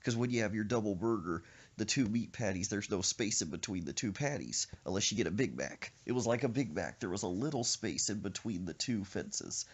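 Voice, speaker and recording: A man hosting a podcast, telling a rambling, animated comic story. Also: fairly low pitch, fairly quick, husky. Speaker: podcast host.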